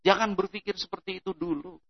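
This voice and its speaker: A man giving a lively religious talk to parents, often speaking straight to the listeners and briefly imitating other people's voices. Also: high-pitched, quick pace, gravelly, dry recording, lo-fi sound. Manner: lively, mimics students' voices, addresses listeners directly. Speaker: Islamic boarding school speaker addressing parents.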